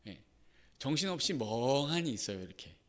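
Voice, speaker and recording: Male pastor, lively and somewhat high voice, conversational sermon delivery with spoken asides, long church reverb. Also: moderate pace. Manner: conversational, with affirming "예" asides, acting out quoted lines. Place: church sanctuary.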